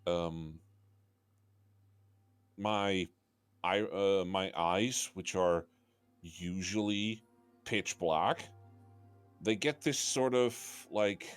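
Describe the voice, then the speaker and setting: Slow, halting male tabletop player. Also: low-pitched, smooth, no room sound. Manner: halting, gropes for words. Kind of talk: casual in-character play description.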